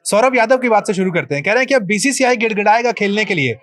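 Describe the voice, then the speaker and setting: A man hosting a sports panel show, reading viewer comments aloud and cutting in with quick agreements. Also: sits high, expressive, a bit bright. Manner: quick interjections, frequent agreeing hums and laughs. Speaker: show host.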